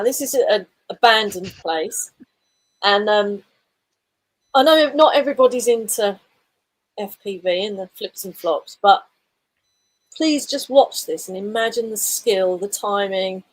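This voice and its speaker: A woman co-hosting a casual chat who explains things earnestly and slows down to stress her points. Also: mid-range voice, rough recording. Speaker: co-host. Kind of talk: casual chat, presenting a video pick.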